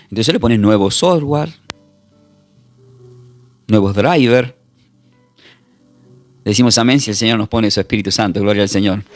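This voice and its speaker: Over music, a pastor with a lowish voice teaches a recorded Bible class in an emphatic preaching style, repeating words and slowly spelling out terms.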